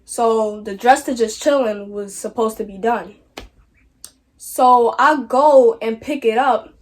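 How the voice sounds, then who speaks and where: Animated teenage girl telling a story. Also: fairly high pitch, slow pace. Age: teens. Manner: animated storytelling with slangy asides, acting out quoted lines. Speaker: vlogger. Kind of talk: storytime vlog.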